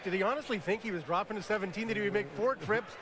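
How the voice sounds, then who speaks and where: A man with a high voice talks fast, delivering emphatic, detailed hockey analysis with dry humor on a live draft broadcast. It's heard from a hissy, worn VHS tape copy of the old broadcast, with a crowd in the background.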